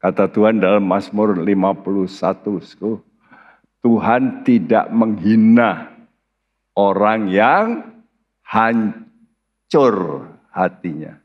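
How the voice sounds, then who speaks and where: Pastor preaching slowly in a lowish voice, emphatic bursts, church reverb. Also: male voice. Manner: preaching with emphatic rising outbursts and questions to the congregation. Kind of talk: sermon. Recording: muffled livestream sound in a large reverberant church.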